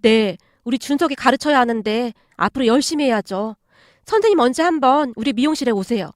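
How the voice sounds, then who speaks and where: A woman's voice: on the high side, animated, fairly quick, dry recording, clean studio sound, close to an everyday voice. A woman voicing a grateful widowed mother. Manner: polite and earnest. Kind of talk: radio story reading.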